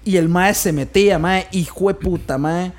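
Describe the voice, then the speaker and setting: A man's voice: high-pitched, normal speed. A young man with a Costa Rican accent, co-hosting a casual chat and telling stories with slang and laughter. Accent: Costa Rican Spanish. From Costa Rica. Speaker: podcast co-host.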